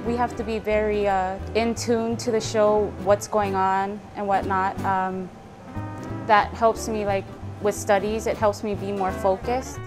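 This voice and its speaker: A woman's voice: mid-range voice, flat delivery, measured pace. Young woman from Fiji over music. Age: young adult. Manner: soft-spoken with frequent "um" fillers. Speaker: student lighting technician. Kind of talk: documentary interview. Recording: music bed under the voice.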